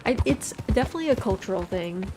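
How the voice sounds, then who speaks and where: An American woman game streamer chats casually over gameplay on a livestream, sounding chilled and cozy. She talks fast in a medium-pitched voice with lively intonation, while game music, horse hooves and animal sounds play in the background.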